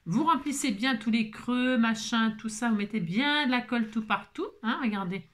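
A woman's voice: a little high, normal speed, fairly bright tone. A woman hosting a casual crafting tutorial, out of breath, chatty and full of fillers and repetitions.

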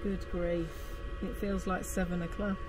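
A woman's voice: lowish voice, level tone, a little slow, background noise. A woman chatting casually in a camper van during a travel vlog. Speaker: vlogger.

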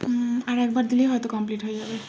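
A woman's voice: fairly high pitch, flat delivery, fast talker, dark tone, a little hiss or hum. A woman from India explaining a nature scene to her child in a patient, coaxing way, often dropping to a whisper. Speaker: vlogger watching a wasp build its nest with her child. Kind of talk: casual explaining chat, often hushed.

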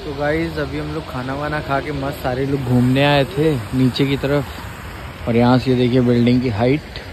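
A man's voice: mid-range voice, little pitch movement, normal speed. A young man from Prayagraj vlogging his trip on a phone held at arm's length, chatty and calling viewers guys and brother. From Prayagraj, India. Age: young adult. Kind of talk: casual travel vlog. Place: train station, taxi, hotel room, city streets. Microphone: phone selfie at arm's length. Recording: loud crowd and street noise on phone mic.

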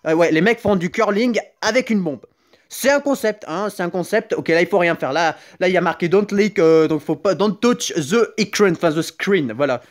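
A young man, Italian by first language, talks over his mobile gameplay in a high, light voice. He rambles, jokes and breaks into sudden excited yelps between quick asides. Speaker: gaming YouTuber. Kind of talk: joking gameplay commentary.

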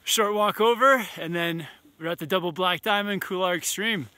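A young snowboard vlogger narrates casually outdoors on a snowy mountain, talking to viewers through an action camera held at arm's length. Upbeat, he calls them "guys" and whoops, his high voice bright and forceful at a normal speed. The recording is dry.

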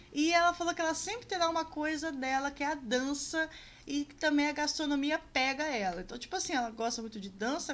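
Chatty woman vlogger, high voice, gushes and rambles to her viewers. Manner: chatty, animated and gushing, with many asides to viewers. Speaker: vlogger commenting on a TV cooking show. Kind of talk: casual chat.

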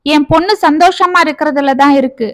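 Woman doing a stubborn dad who loves his drink, gruff and dismissive, dry close sound, storybook telling. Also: sits high, fairly quick, a bit bright, no echo. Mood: tearful. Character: stubborn middle-aged father, fond of drink.

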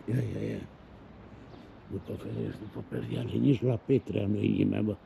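A man's voice: on the low side, fairly even intonation, gravelly, reverberant, background noise. A man, rambling colloquially as he talks straight to his viewers in a casual vlog. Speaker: vlogger.

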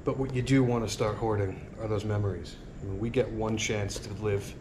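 Filmed on an action camera set on a tripod a few feet away, this middle-aged sailing vlogger speaks in a somewhat low, steady voice at a brisk clip. His casual, reflective monologue on a marina-side porch is earnest, motivational and rambling. Outdoor ambient noise is clearly present in the recording.

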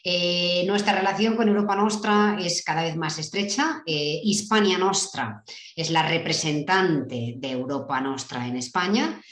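A woman's voice: lowish voice, measured pace, a bit bright, roomy sound. A woman giving an online conference talk over a video call, hesitant with many fillers. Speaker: director general giving a keynote talk.

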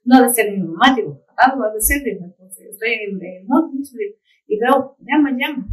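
A woman, a community leader and chef, telling a personal story in an interview in a halting way, repeating words and restarting often. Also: mid-range voice. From Ecuadorian Amazon. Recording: voice picked up from a distance.

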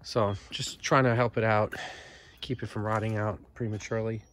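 A man casually reviewing a tool outdoors on his driveway, talking in a relaxed, plainspoken way with fillers while he films with a phone. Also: on the low side, moderate pace. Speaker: channel host reviewing a tool. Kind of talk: casual product review vlog.

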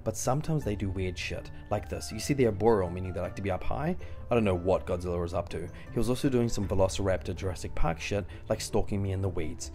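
A man's voice: low voice, fast talker, a little mellow, soft background music. A young man narrating a wildlife vlog as an enthusiastic gecko keeper, emphatic, playful and given to repeating himself.

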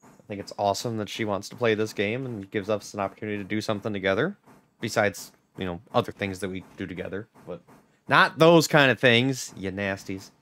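A game streamer chats and jokes through his commentary on a live gameplay stream, greeting viewers and talking to chat. He talks fast in a lowish voice with a steady tone.

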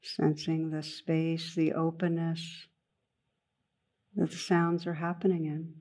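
A woman acts as a teacher for a guided meditation, her voice low and her tone level. She talks gently and unhurriedly, with long pauses between phrases.

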